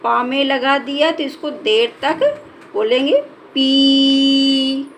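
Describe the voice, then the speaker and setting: A high-voiced woman leads a children's reading lesson, drawing each syllable out long and clear. Her delivery is unhurried, and a faint hiss sits behind her voice. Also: steady tone, fairly bright tone. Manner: drawn-out syllables, slow and clear. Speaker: teacher.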